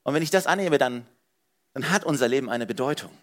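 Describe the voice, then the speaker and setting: A man's voice: medium pitch, animated, fast talker, a bit bright. A man preaching a sermon as pastor, speaking earnestly and straight to his congregation. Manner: earnest, direct address to the congregation with repeated "hey" and "ja".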